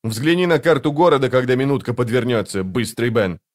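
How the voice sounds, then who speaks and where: A man voicing a tense male assassin who barks loud, urgent warnings in an audiobook. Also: mid-range voice, animated, a little fast, lightly acted. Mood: urgent shouting. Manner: loud barking commands.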